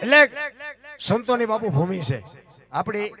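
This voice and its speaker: A man's voice: high voice, very animated, a little slow, sharp tone. A man telling stories at a dayro, chatting folksily and chanting long alliterative verse lists in a driving rhythm. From Gujarat, India. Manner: folksy, chatty asides to the audience. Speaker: folk storyteller at a dayro. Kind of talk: dayro storytelling with rhythmic recitation. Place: live stage performance. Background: folk instrumental music.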